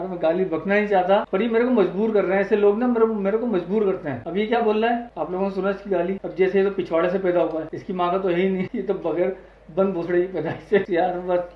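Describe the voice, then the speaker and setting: A man hosting an online video, giving heated, crude reaction commentary full of swearing. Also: sits high. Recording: echoey, dull lo-fi audio.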